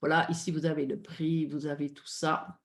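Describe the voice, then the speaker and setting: A woman organizing a retreat, presenting it in a lively, chatty way with frequent fillers. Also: low voice, normal speed. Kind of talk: online presentation.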